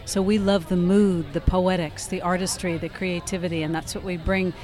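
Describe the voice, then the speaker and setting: A woman's voice: on the low side, fairly even intonation, normal speed, over music. A woman photographer answering interview questions in lyrical, poetic phrases. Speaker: photographer guest.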